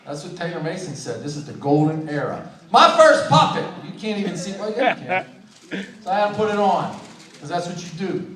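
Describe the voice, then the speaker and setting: A man's voice: high-pitched, a little fast. A middle-aged man, a ventriloquist comedian, telling stand-up stories on a live stage and acting out the dialogue. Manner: animated, acts out remembered dialogue. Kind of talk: stand-up storytelling. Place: live stage at open mic. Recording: echoey live room, distant mic, crowd.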